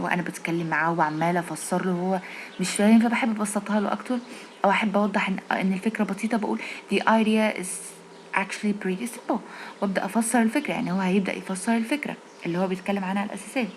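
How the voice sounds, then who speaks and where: A woman with an Egyptian Arabic accent teaching English in a casual video lesson, repeating English phrases slowly to explain them. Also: mid-range voice, a little hiss or hum, poor audio.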